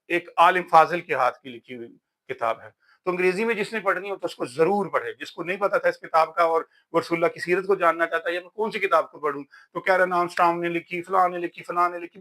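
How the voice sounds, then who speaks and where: High, bright-voiced man lecturing. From Pakistan. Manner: emphatic, preachy, says "yaar" often. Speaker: vlogger. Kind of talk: casual talk about books.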